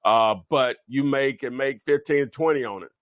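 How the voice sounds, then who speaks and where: A man's voice: medium pitch, moderate pace, no echo. Rambling man teaching real estate. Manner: rambling, many fillers and self-corrections. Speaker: real estate webinar presenter. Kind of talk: unscripted instructional webinar talk.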